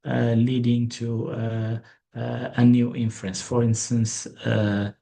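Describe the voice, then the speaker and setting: A man from Ethiopia delivers a training lecture in a slow, hesitant way. His voice is dark and gravelly, with a flat, even delivery broken by frequent fillers and restarts. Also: medium pitch.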